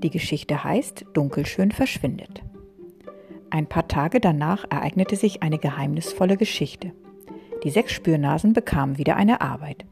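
Frau, Vorlesestimme für die Klasse, weich und etwas tief. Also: female voice, low voice, normal speed, vocal fry, darkish tone, soft background music. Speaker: teacher reading aloud to her class. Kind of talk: storybook read-aloud.

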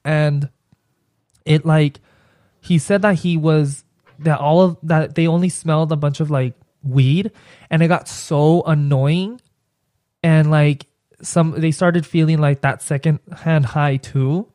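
Hesitant Mexican-accented man, higher voice. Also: steady tone, takes it slowly, dark tone, no echo, clean studio sound. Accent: Mexican Spanish. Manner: rambling, hesitant storytelling with many restarts. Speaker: podcast guest. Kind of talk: casual chat.

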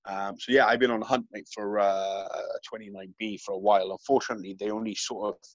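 Man, low voice, casual podcast chat, says mate a lot, dry muffled sound. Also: fairly even intonation, fast talker, no room sound. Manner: chatty, says "mate" often, many restarts. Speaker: podcast co-host. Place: home workshop.

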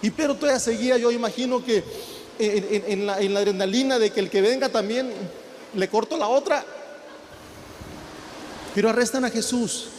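A man's voice: very high-pitched, normal speed, long pauses, a little mellow, a little hiss or hum. A man preaching a sermon, retelling scenes with acted quotes and rising to emphatic vehemence. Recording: long hall reverb, faint ambience.

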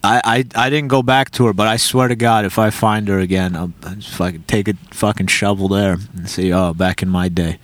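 A young man with a slightly low voice, talking on a podcast recorded in a parked car. He tells loose, profane stories and keeps breaking off and restarting his sentences. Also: fairly even intonation, a little fast, hardly any pauses, no echo. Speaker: comedian guest. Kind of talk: casual podcast chat.

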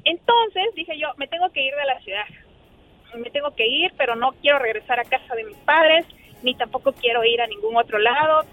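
Mexican female guest, notably high voice, casual storyteller who acts out quoted lines. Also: normal speed, fairly bright tone, poor audio. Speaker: guest telling a personal story.

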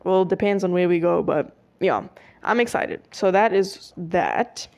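A woman's voice: fairly low pitch, measured pace, creaky, darkish tone. Chatty young woman podcaster. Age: young adult. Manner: chatty, rambling, lots of fillers and self-corrections. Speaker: podcast host. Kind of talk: casual solo podcast chat.

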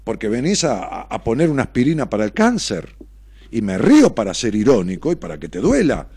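Hosting a radio call-in program, this middle-aged Rioplatense Argentine man reads out listeners' messages and answers them bluntly, with sarcasm, provocation, and free swearing. His mid-range voice is brisk, dark, and slightly rough, swinging hugely in pitch, on a dry recording.

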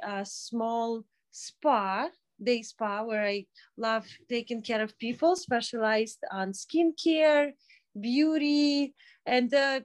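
Higher-pitched woman with Belarusian accent. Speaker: podcast guest, day spa owner and skincare specialist. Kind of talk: casual interview talk.

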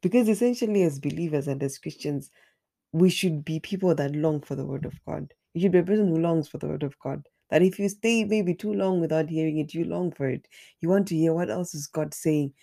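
A woman leads an online Bible study with earnest care, her deep voice hoarse and raspy from the flu yet mellow. She talks fairly quickly and occasionally repeats words while reaching for the next one.

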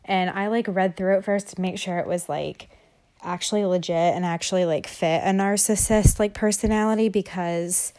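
A woman's voice: on the low side, steady tone, normal speed, darkish tone. A young woman hosting a casual podcast monologue, talking loosely with many fillers and audible heavy breathing. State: breathing heavily. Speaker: podcast host.

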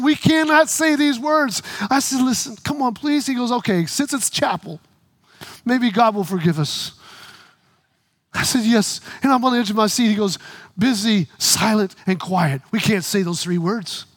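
A middle-aged man preaching a sermon, telling stories and acting out the dialogue in quick quoted voices, sometimes bursting into shouts for emphasis. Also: very high voice, no echo. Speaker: pastor.

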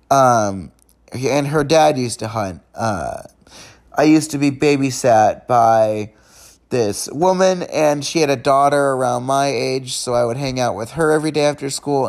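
A man's voice: medium pitch, a little mellow. A man hosting a podcast, reviewing in a casual, unedited way, rambling conversationally with frequent restarts and stammers. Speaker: podcast host.

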